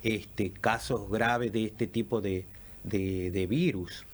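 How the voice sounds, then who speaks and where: Doctor guest, measured explaining voice, lots of fillers. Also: male voice, fairly low pitch, steady tone. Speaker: pulmonologist guest. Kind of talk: radio interview answers.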